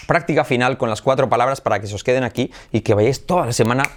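A man from Spain with a Spanish accent, teaching English pronunciation in an upbeat lesson, mixing Spanish and English and drilling words slowly. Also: medium pitch, a little hiss or hum.

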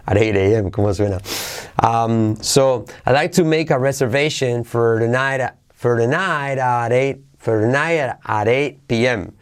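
Male teacher, mid-range voice, podcast lesson, drills phrases slowly and repeats them. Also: medium pitch, clear, resonant tone. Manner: laughs at own slips. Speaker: English teacher.

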